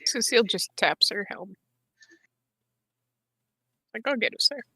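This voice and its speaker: A tabletop player narrates their character in a casual, chuckling way. The voice is gravelly, with a bright, sharp edge at a middle pitch. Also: animated, unhurried, no room sound.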